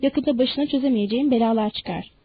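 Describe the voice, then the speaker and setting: A woman doing a taunting rough ranch hand. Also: a little high, fast talker, dry recording, narrow, tinny audio. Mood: scornful. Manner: scornful, taunting.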